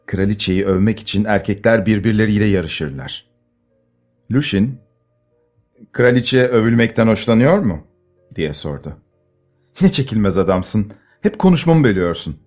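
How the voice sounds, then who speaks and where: Male audiobook narrator, lowish voice, measured literary reading, light character shading, soft music bed. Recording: soft instrumental music underneath.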